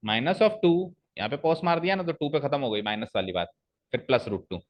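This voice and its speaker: A man's voice: mid-range voice, sing-song. Man teaching a maths class. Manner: explains step by step, asks the class questions; reads expressions aloud slowly, stressing the pauses.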